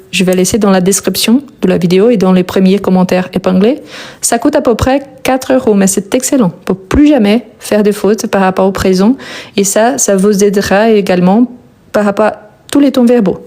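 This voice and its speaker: A woman teaching French grammar, repeating each step with slow, careful dictation and brief encouragement. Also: medium pitch, dark tone. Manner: slow, deliberate dictation with repetitions. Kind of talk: grammar lesson, spelled out slowly.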